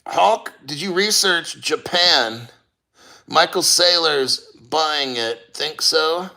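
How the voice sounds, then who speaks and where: Bright, forceful middle-aged man, rambling livestreamer. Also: a little high, animated, gravelly. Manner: rambling, profane, halting. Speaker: crypto livestream host. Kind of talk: casual livestream chat, reading viewer comments.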